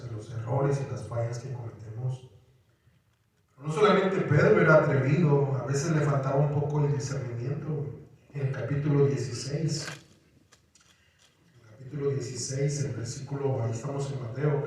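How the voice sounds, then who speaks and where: A man's voice: mid-range voice, slight background noise. Echoey distant preacher man. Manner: animated, acts out scripture quotes with rising voice. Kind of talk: sermon. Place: church sanctuary. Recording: echoey church hall, mic at a distance.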